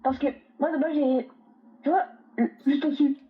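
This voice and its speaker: A woman playing a game alongside a friend, teasing and relaxed in casual chat. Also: sits high, normal speed, lo-fi sound. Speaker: co-player.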